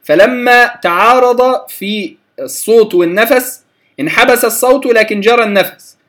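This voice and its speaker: Male recitation teacher, high voice, patient lecture pace, drills letter sounds by repetition. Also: a bit bright. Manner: demonstrates sounds by repeating them slowly, contrasting wrong and right.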